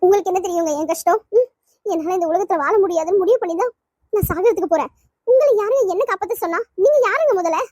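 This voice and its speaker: A performer voicing a distraught, timid young woman in a cartoon, pleading and suspicious in a very high girlish voice. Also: a little mellow, no room sound, clean studio sound. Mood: defiant, upset. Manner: quick, pleading, fretful talk. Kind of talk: cartoon voice acting.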